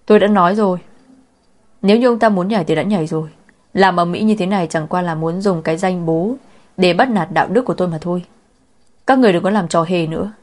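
Lady narrator doing a snarky young woman, cool and mocking, lowish voice. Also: fast, natural voice. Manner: taunting, sarcastic. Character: sharp-tongued young woman, cold and mocking.

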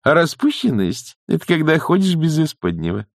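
A man's voice: on the high side, sing-song, a little fast, gravelly, dry recording, clean studio sound, voice pushed up. A man doing a chatty old village witch. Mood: soothing. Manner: soft, chatty. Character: jolly old woman witch, peacemaker.

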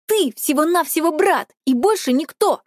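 A woman voicing a hot-tempered young teenage girl who shouts in high, shrill outbursts. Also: lively intonation, moderate pace, no room sound, studio quality.

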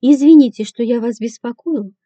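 An apologetic young hotel porter who speaks hesitantly, as a female narrator voices him. The voice is high and very mellow, and the recording sounds dull and lo-fi. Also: normal speed, close to an everyday voice.

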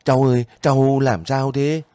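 A man's voice: medium pitch, flat delivery, moderate pace, warm tone, smooth, no room sound, pitched above the performer's own voice, natural voice. A man voicing a kindly older village woman who pleads and sobs over her nephew in a spoken story. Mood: pleading. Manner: pleading, sobbing, fussing.

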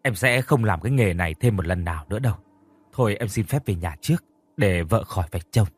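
Man doing secretive young husband, subdued, low-key, lively pitch, dry close sound, audio storybook. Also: fast talker, breathy edge, no echo.

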